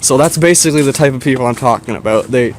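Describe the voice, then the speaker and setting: Talking fast, a Canadian man rambles casually to his viewers, hesitating and wandering as he thinks. His pitch is mid-range, and faint outdoor sounds can be heard in the background.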